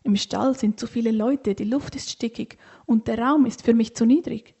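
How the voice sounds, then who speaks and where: A woman's voice: a little high, dark tone, breathy edge. Woman doing a grumpy grumbling camel. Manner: grumbling, whiny, drawn-out complaints. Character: grumpy complaining tired camel.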